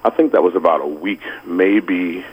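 Deep-voiced Brooklyn man calling in, slightly husky. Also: normal speed, poor audio. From Brooklyn, New York. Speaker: radio show caller. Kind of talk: casual call-in conversation.

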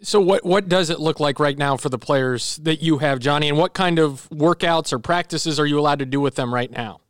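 Higher-pitched American man, casual sports host. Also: brisk, no echo, clean studio sound. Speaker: sports podcast co-host and interviewer.

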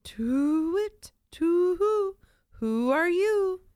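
A hooting, wise storybook owl, as a woman puts it on, calling down in a high, drawn-out voice. It gives advice gently, close and dry. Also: animated, no echo, exaggerated voice. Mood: kindly. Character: wise old owl, helpful.

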